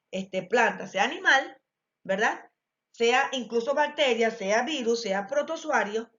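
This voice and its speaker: A woman's voice: fairly high pitch, fairly bright tone. A woman with an Ecuadorian Spanish accent teaching a biology class, explaining step by step with frequent fillers and check-ins to the students. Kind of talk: recorded class lesson. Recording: dull lo-fi recording.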